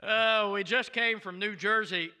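An older man with a thick Deep South American accent, preaching in a folksy, emphatic, storytelling way as a pastor. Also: unhurried, pushed and bright, smooth. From southern United States. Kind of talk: sermon. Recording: reverberant hall sound.

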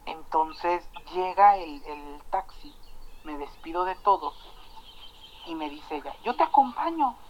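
A man with a Mexican accent telling a story in casual chat, animated and swearing, acting out the dialogue. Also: on the high side, slow pace, lo-fi sound, a little hiss or hum.

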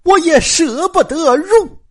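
A woman's voice: extremely high pitch, expressive, slow, voice pushed up, full character voice. A woman storyteller voicing a proud, stubborn young noble girl in a cold, aloof manner.

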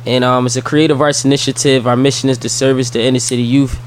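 A man from South Philadelphia with a Philly accent, a guest in a casual interview, speaking softly and easily with lots of ums. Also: medium pitch, fast. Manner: soft-spoken, relaxed, with many fillers. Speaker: guest, entrepreneur and youth mentor. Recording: faint background noise.

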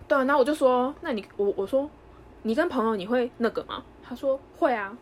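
A young woman co-hosting a casual podcast, telling a story in an animated way and acting out the lines of others. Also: high voice, a little hiss or hum. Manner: animated storyteller, quick, acts out dialogue. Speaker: podcast co-host.

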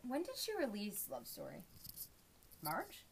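A young woman co-hosting a casual podcast, telling stories in an animated way, full of "like.". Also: mid-range voice, measured pace, a crowd in the background. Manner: animated storytelling, lots of "like". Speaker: podcast co-host. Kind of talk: casual chat.

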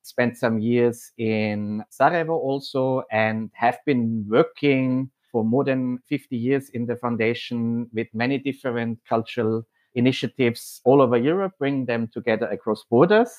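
A man from Austria, head of programs at a foundation, speaking in a measured, explanatory way with occasional hesitations. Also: medium pitch, a little mellow. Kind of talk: podcast interview monologue.

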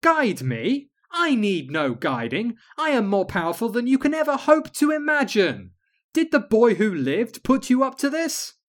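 A man's voice: high-pitched, animated, slow pace, voice pushed up. A man voicing an imperious young witch queen who plays the melodramatic villain. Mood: outraged. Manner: melodramatic, gloating, shouting commands.

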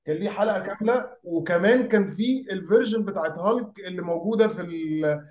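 Casting: Egyptian male, high-pitched, rapid-fire casual enthusiast, Arabic mixed with English, roomy echoing recording. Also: a little mellow. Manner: mixes English terms into Arabic. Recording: echoey room.

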